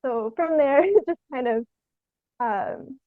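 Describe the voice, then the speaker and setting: Taking it slowly, a young adult woman from Canada chats in an informal interview about her work as a theatre artist, her high, expressive voice often dissolving into giggles mid-sentence. The audio has no echo but sounds narrow and tinny.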